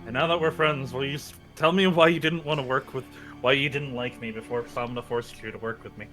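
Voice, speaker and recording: A man's voice: mid-range voice, fairly even intonation, fairly quick, a bit bright, faint music behind. A man chatting and role-playing casually as a tabletop game player, hesitant and repeating his phrases. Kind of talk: casual in-character role-play and table chat.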